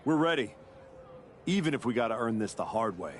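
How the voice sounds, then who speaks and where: An actor playing a resolute wrestler who accepts a hard match in a game. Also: male voice, mid-range voice, big pitch swings, a little fast, soft background music, close to an everyday voice. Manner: resolute, clipped.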